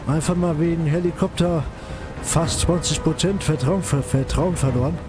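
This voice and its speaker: A man comments casually on a video game. His voice sits a little higher than average, with game music clearly behind it. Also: moderate pace. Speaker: let's player commenting on a game.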